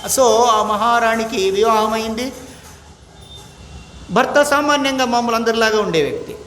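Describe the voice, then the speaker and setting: A man teaching as a swami, giving a lively spiritual discourse full of rhetorical questions to his listeners and slowly chanted verses, with English words mixed into his talk. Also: very high voice. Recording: echoey room, faint background noise.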